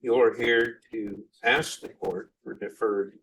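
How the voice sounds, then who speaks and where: A man questioning formally as a defense lawyer in a courtroom, with a deliberate, halting delivery. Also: mid-range voice, fairly even intonation, vocal fry, a bit bright, rough recording.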